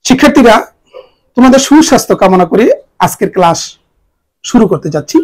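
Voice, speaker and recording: Teacher spelling out words, letter by letter. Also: male voice, high-pitched, animated, a little fast, low-quality recording. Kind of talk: exam-prep grammar lesson.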